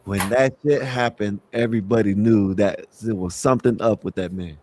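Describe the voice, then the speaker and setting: A man's voice: on the low side, fairly even intonation, normal speed, a little mellow, a little hiss or hum. A man on a casual panel giving his opinion in a laid-back way, often adding rhetorical asides.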